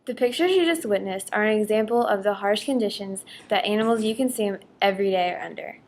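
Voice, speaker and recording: A woman's voice: medium pitch, fast. A woman presenting a scripted infomercial in an expository read-aloud delivery.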